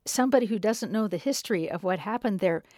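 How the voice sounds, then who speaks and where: A woman's voice: medium pitch, fast talker, warm tone. An American woman hosting a radio science show, reading scripted narration and asking questions in a curious way.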